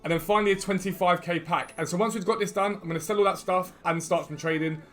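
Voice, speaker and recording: A man's voice: sits high, fairly even intonation, fast talker, a bit bright, faint music behind. A man who cannot pronounce his R's properly, saying them like w, hosting a casual, chatty gaming video and talking straight to viewers. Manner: chatty, informal, addresses viewers directly. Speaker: gaming YouTuber and host.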